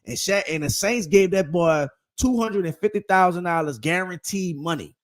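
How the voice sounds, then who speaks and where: A man co-hosting a casual sports podcast, talking in an animated, emphatic way and repeating his points. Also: sits high, normal speed. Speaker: podcast co-host.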